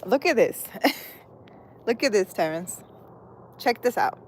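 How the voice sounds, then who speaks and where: Chatting loosely with her live-stream viewers, a Dominican woman who works as a spiritual healer laughs a lot and mixes in Spanish words. Her mid-range voice is slow with lively intonation, and a little hiss or hum is audible.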